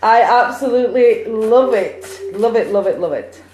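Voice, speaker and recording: A psychic medium livestreams a card reading from her phone in an echoey room. Her voice is fairly high at a normal speed, and she's bubbly, chatty, and excitable, cheering on the share counts.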